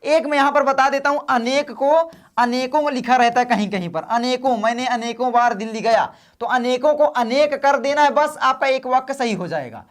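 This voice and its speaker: A man tutors students through an exam paper in a loose, conversational way, peppering his explanations with quick check-ins. He stays easygoing and encouraging. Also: very high-pitched. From northern India. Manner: casual, chatty, addresses students as brothers. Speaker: teacher.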